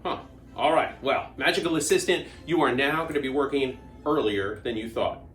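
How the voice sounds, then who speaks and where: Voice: mid-range voice, moderate pace, fairly bright tone, reverberant, faint music behind. A children's magician hosting an interactive party-style magic show, exclamatory and playful, coaxing young viewers into call-and-response.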